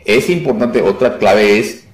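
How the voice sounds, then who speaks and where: A man's voice: lowish voice, unhurried. A man teaching an informal class on deliverance ministry. He repeats himself and keeps asking "ok?" to check on his listeners. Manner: repetitive, restarts often, asks "ok?" to check. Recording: echoey room, voice from a distance.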